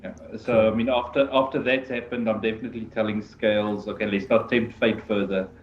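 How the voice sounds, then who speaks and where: A man's voice: lowish voice, flat delivery, fairly quick. A man talking casually as a player in a tabletop role-playing game. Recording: echoey room, dull lo-fi mic, faint noise.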